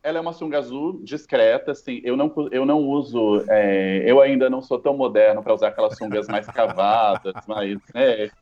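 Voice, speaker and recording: A man's voice: medium pitch, fairly even intonation, a little fast, hardly any pauses, lo-fi sound. A Brazilian man with a Brazilian Portuguese accent, telling a story as a guest in a casual panel chat over a call. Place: video call.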